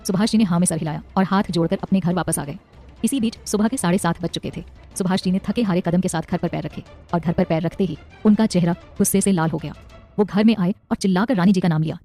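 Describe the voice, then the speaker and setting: Fast-talking woman storyteller. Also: lowish voice, warm tone, soft background music. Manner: brisk, dramatic storytelling. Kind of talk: scripted narration.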